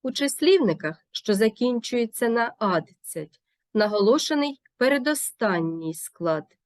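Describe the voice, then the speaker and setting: Female teacher, slow and careful dictation-style lesson narration. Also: on the high side, expressive, dry recording. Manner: careful, deliberate word-by-word dictation.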